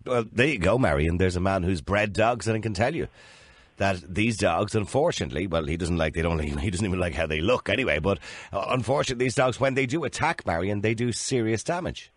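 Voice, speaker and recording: A man's voice: on the low side, animated, fairly quick, no echo. An Irish man hosting a radio phone-in and moderating a live discussion between callers.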